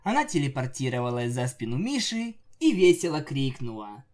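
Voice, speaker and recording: A man narrating a comic fan fiction story with lively, jokey asides. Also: mid-range voice, moderate pace. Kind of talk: comic audiobook reading.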